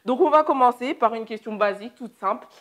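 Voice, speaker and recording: A young woman from France co-hosting a casual question-and-answer chat with her father, leading the questions in a lively way. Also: fairly high pitch, quick pace. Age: young adult. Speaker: co-host.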